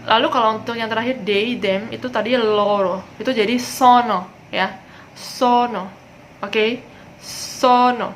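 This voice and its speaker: A woman's voice: fairly high pitch, fairly even intonation, slight background noise, rough recording. Chatty Indonesian woman teaching Italian. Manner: chatty, many fillers, slow drawn-out example words. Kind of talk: casual video lesson.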